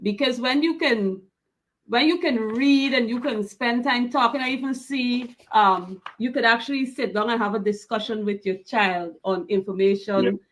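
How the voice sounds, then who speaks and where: A woman's voice: a little high, normal speed. Effusive woman hosting an interview. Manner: effusive, praising, repeats words. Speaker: interview host.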